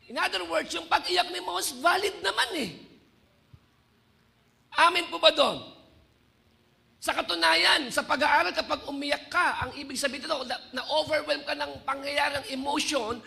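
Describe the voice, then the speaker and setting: A male pastor with a Filipino accent delivers an impassioned sermon, switching freely between Tagalog and English. His voice sits very high and sounds sharp and bright, with a gravelly edge. He keeps calling out to the congregation for a response. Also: steady tone, moderate pace.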